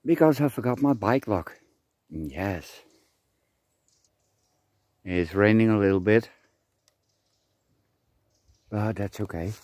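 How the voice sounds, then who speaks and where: A man walks a rainy forest trail, chatting in a rambling way to the camera on his tripod. His voice is mellow and dark, his pace slow and easy, and the sound is dry and close. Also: lowish voice, dry recording. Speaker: vlogger. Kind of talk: casual outdoor vlog narration. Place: outdoors on a forest trail in light rain.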